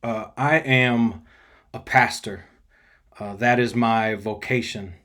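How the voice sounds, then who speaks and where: A man, a pastor, sharing thoughts in a casual video message, slightly out of breath and earnest, talking in a halting way with many fillers. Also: mid-range voice, steady tone, sharp tone.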